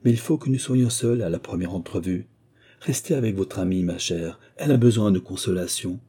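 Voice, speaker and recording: A man reading the lines of a frail, pious elderly father in an audiobook, speaking gravely and gently. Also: low voice, brisk.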